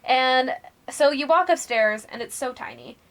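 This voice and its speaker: A young woman co-hosting a podcast, telling her ghost stories casually, laughing, swearing and going hushed at the spooky parts. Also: high-pitched, measured pace. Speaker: podcast co-host. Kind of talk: casual storytelling chat.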